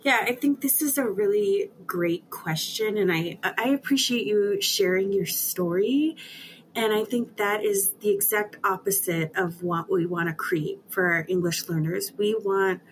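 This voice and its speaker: Organized guest explaining clearly, light hiss. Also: female voice, mid-range voice, a little slow. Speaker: nonprofit education leader, guest. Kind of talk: interview answers.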